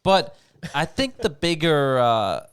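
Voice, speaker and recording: A man's voice: on the high side, sing-song, slow pace, a bit bright, smooth. A man with a New York accent co-hosting a hockey talk show, rambling a little, correcting himself, with dry wit. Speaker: podcast co-host.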